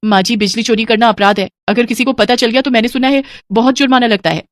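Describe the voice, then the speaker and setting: Lady doing a meek young bahu in a cartoon, higher voice, pleading. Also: steady tone, quick pace, dry recording, clean studio sound, lightly acted. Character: meek young daughter-in-law, put-upon.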